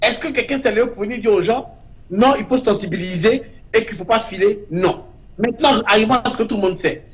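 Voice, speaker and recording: A man's voice: high voice, fairly quick. A man, a guest artist in an interview, speaking with emphasis and repeating short verdicts. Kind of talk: impassioned interview talk.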